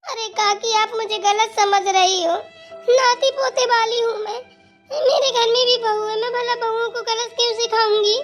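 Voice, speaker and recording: A woman's voice: very high voice, flat delivery, moderate pace, soft background music. A woman voicing a gossiping neighbor auntie. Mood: wheedling. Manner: sly, protesting innocence. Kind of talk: cartoon voice acting.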